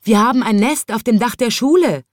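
A caring mother stork from a children's storybook calls out kindly, in a voice lifted high and bright, as a woman reads her. She sounds loud, eager and warm-hearted. The recording is close and dry. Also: a little fast, no room sound, close to an everyday voice. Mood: inviting. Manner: calling out kindly.

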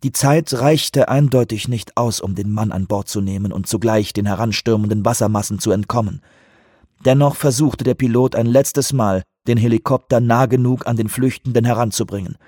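A man narrates a thriller audiobook in a measured, tense manner, with a husky tone at a middle pitch. The booth recording is dry and close, with no room sound. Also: darkish tone, no room sound. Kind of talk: scripted narration.

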